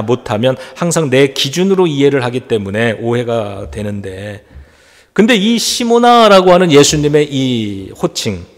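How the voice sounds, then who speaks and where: A male pastor preaching an earnest, reflective sermon with rhetorical questions. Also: mid-range voice. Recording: long reverb in a church hall.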